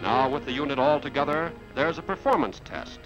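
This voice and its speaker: In an explanatory announcer's delivery, an American man reads scripted narration for a 1950s industrial film. He speaks at medium pitch, expressively and slightly fast, over background music on a muffled old soundtrack.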